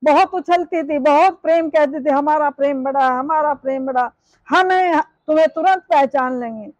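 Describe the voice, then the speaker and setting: High-voiced woman preacher singing and expounding. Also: darkish tone, dry recording, rough recording. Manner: slow drawn-out sung verses repeated twice, broken by quick spoken explanation. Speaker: devotional preacher. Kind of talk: devotional discourse with sung bhajan lines.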